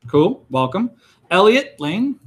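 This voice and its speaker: Middle-aged man, college instructor, slightly high voice, casual rambling classroom talk, roll call. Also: very animated, slow pace, breathy edge. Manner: casual and rambling, many fillers and restarts.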